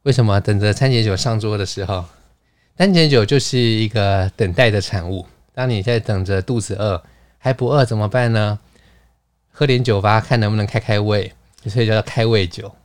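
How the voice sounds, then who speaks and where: A man's voice: lowish voice, normal speed, dry recording. A man hosting a casual podcast, playful and chatty, explaining words at length with frequent laughs. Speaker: podcast host. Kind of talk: casual chat.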